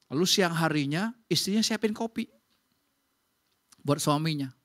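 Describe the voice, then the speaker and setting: A woman pastor preaching a sermon in a church, talking in a lively, conversational way straight to the congregation. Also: deep voice, measured pace.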